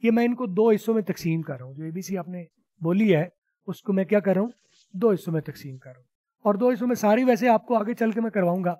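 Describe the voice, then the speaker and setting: High-voiced man teaching an online class. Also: fast, dark tone, no room sound. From Pakistan. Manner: explains patiently, repeats sounds for students to copy. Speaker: spoken English teacher. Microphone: video call.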